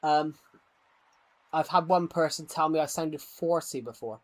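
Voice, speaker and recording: Reading viewer comments while he plays, a male streamer chats in a slightly high voice at a slightly slow pace. His talk is rambling and self-mocking, full of stammers and repeated words.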